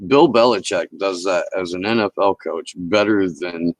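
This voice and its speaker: A livestream talk show host gives a casual, emphatic political rant to his live chat, swearing heavily. His low-pitched voice moves at a moderate pace over close, headset-style audio. The recording is rough, with no room sound.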